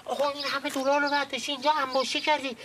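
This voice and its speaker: Young guy always begging for money, kinda high voice, noisy set behind. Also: level tone. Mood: pleading. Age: young adult. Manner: pleading, excuse-making. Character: scheming young man, pleading and whiny.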